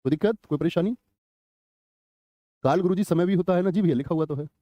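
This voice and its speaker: A man's voice: high-pitched, brisk, dark tone, dry recording, dull audio. A man teaching a live online exam-prep class, chatty, quizzing students and reading their chat comments aloud. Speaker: Hindi teacher.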